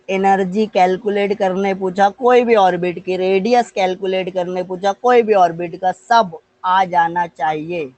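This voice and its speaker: A man's voice: sits high, no room sound, rough recording. A male physics teacher with an Indian accent, giving an online live class and coaxing students with questions. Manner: mixes Hindi with English terms.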